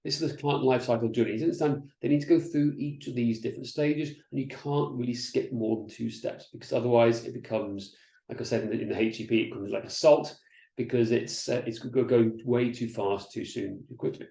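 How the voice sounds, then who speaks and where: A Welsh business coach, whose first language is Welsh, presents slides in an online masterclass webinar. His medium-pitched, gravelly voice is a little fast, and he's energetic and chatty, often restarting sentences and checking "right?", in an echoey room.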